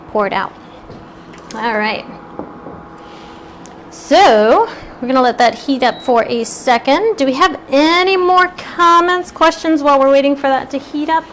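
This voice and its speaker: A bright, upbeat woman walks viewers through a live cooking demo in a friendly, chatty way, drifting slightly off the mic as she moves around the stove. Her voice sits a little high, with a faint hiss of background noise under it. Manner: chatty, upbeat, eating while talking. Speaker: cooking demonstrator.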